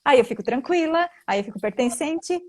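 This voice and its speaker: A woman's voice: expressive, fairly quick, a little mellow. A woman, a family constellation facilitator, explains things earnestly and like a teacher during a live-stream talk. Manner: earnest, teacherly, with frequent rising pitch jumps.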